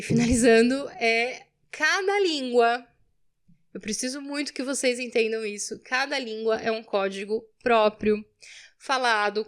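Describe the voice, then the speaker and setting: A woman's voice: fairly high pitch, fairly bright tone. A woman teaching English grammar to Portuguese speakers, explaining patiently and checking understanding with frequent tag questions. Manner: explains patiently, tags phrases with "né?" and "tá?". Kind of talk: online grammar lesson.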